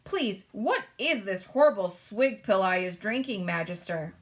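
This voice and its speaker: A woman's voice: mid-range voice, animated, a little slow, close to an everyday voice. A woman voicing a big, friendly male giant from a storybook, childlike and boisterous, exclaiming in garbled words. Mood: disgusted.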